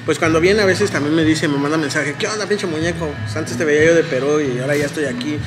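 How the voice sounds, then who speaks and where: Sitting in a café at night, a vlogger in his thirties jokes around and swears a lot as he hosts a laid-back chat, speaking with a Mexican Spanish accent. He talks fast in a voice on the high side, with music playing in the background.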